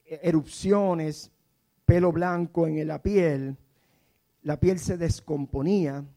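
A man in his fifties preaching with a warm, mellow tone that sits a little high for a man. He tells the story in a storyteller's manner, slipping into soft, hushed passages. He also calls on the congregation to repeat key words back to him. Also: fairly even intonation, slow. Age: 50s. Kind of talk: sermon.

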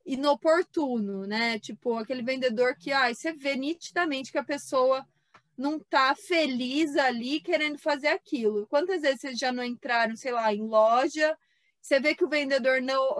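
Brazilian woman podcast co-host, high and lively, close dry mic. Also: normal speed, dry recording. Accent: Brazilian Portuguese. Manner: lively, acts out quotes of artisans. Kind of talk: casual podcast chat.

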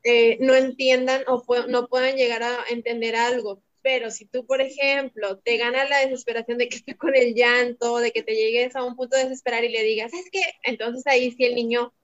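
A woman's voice: a little high, level tone, a little fast, few pauses. A woman, a teacher and mother chatting casually as a podcast guest and telling anecdotes with light laughs. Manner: talkative, tells anecdotes, laughs lightly while speaking. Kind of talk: casual conversation. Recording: dull lo-fi audio.

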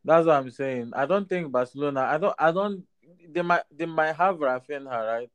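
A man's voice: a little high, moderate pace, smooth, dull audio. A man in a casual sports discussion who often tags his phrases with a questioning "right?". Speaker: football podcast panelist.

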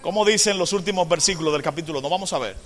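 A man preaching a sermon, moving between hushed asides and loud, drawn-out proclamations, often asking the congregation questions. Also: a little high. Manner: asks the congregation rhetorical questions. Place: church. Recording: long hall reverb.

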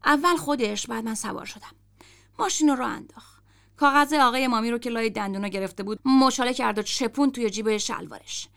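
A woman narrating a story aloud in the first person, steady and even. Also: fairly high pitch, gravelly. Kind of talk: audiobook narration.

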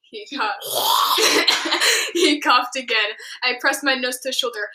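A woman's voice: high-pitched, lively intonation, slow pace, background noise. A young woman reads her old story aloud in a casual way, breaking off with giggly, self-mocking asides. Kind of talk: casual read-aloud with commentary.

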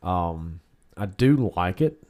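A man with a smoker's rasp, bantering casually as a podcast co-host. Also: low-pitched, animated, slow pace, narrow, tinny audio. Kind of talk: casual beer-review banter.

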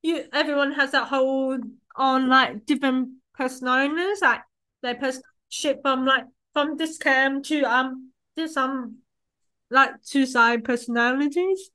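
High-voiced young woman chatting loosely. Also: fairly even intonation, measured pace, sharp tone, poor audio. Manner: rambling, heavy use of "like" and restarts. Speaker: podcast host. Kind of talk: casual conversation.

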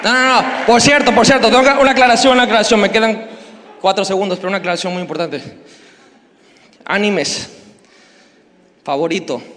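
A man's voice: high-pitched, a little fast, long pauses, a bit bright, a faint crowd, slight background noise. A male pastor, preaching a sermon and telling the story in slangy, humorous terms. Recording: long hall reverb.

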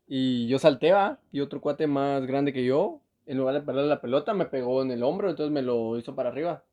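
A young man telling a story in casual chat, laughing often and ending lines with a quick tag. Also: mid-range voice, warm tone, lo-fi sound.

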